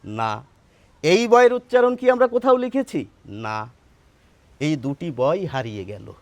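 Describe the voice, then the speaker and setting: A man's voice: on the high side, sing-song, unhurried, dry recording. A man teaching a pronunciation lesson, patiently explaining and asking his listeners questions, then answering them himself.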